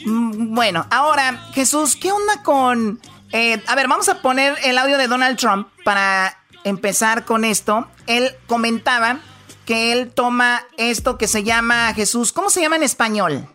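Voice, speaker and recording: Female radio co-host, brisk, bright upper voice. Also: fairly high pitch, faint music behind. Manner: chatty, brisk. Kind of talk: radio chat, translating a clip.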